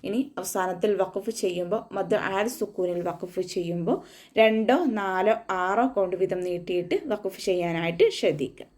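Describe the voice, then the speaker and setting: A woman teaching Quran recitation rules. She explains each rule patiently, repeats herself, and breaks into slow chanted sample phrases. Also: fairly low pitch, fairly even intonation, darkish tone. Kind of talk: tajweed lesson, explaining then demonstrating recitation.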